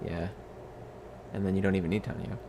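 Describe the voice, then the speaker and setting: A man with a low voice talks fast and easily as co-host of a live game stream. He weighs each move analytically and gently offers advice. A faint background hiss sits under his voice. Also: level tone, gravelly. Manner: analytical, gently advising on plays.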